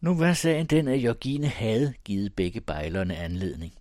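A man reading a classic story aloud in a measured, even tone. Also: lowish voice, dry recording, clean studio sound. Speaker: audiobook reader. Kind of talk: storybook narration.

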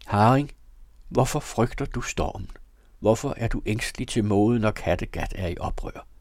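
A man's voice: lowish voice, animated, darkish tone, no echo, studio quality. A man reading aloud, voicing a desperate young wife who accuses her husband in an impassioned, pleading way. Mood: accusing.

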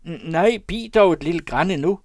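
A man voicing a desperate male poacher who begs loudly for his life in a high, strained voice. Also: expressive, no room sound, clean studio sound, close to an everyday voice. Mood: pleading. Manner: high, loud, begging.

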